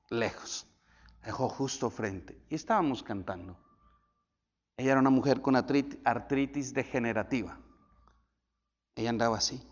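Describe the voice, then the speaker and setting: A male pastor telling stories in a sermon, swinging from loud, high bursts to hushed, near-whispered lines. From Colombia. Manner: animated storytelling with sudden drops to near whisper. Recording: dull echoey church hall.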